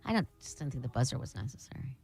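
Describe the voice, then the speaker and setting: A woman's voice: a bass voice, sing-song, dark tone, breathy edge, dry recording. Playful woman co-hosting radio. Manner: playful, laughs easily, quick asides. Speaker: radio co-host. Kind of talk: casual call-in radio banter.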